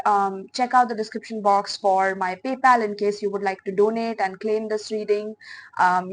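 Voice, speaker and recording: A woman tarot reader does a pick-a-card reading, chatty and playful, full of fillers and soft laughs, addressing her viewers as piles. Her voice is medium-pitched, and the low-quality recording has slight background noise.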